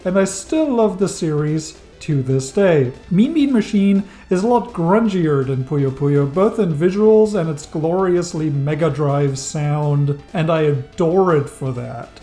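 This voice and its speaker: This scripted game retrospective is narrated by a thirty-year-old reviewer whose native language isn't English. His mellow, fairly high voice has lively intonation and runs a little slow with hardly any pauses, over soft background music. His tone is enthusiastic and wry, laced with dry humor.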